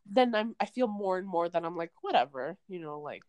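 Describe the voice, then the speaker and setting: A young Canadian woman co-hosts a podcast remotely, apart from her co-host, chatting casually and rambling with plenty of fillers. Her voice is lowish and darkish, animated and fairly quick, and there is no echo.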